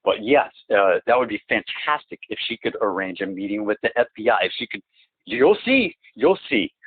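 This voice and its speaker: A man on a phone call who talks in a halting, rambling way, restarting and repeating words, and presses his complaints insistently, heard through a phone line. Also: fairly low pitch, sing-song, breathy edge, no room sound. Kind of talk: phone conversation. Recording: tinny, dry phone-line recording.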